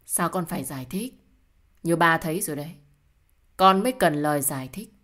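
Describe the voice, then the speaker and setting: A woman's voice: deep voice, animated, brisk, a bit bright. Woman voices a cold, sneering young husband in a storybook; mocking and spiteful. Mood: smug.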